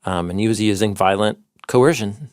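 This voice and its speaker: A man's voice: lowish voice, moderate pace, darkish tone, smooth, no room sound, studio quality. A man co-hosting a podcast, explaining old texts and word meanings with scholarly enthusiasm. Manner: enthusiastic scholarly explaining, citing ancient sources. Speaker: podcast co-host, Bible teacher.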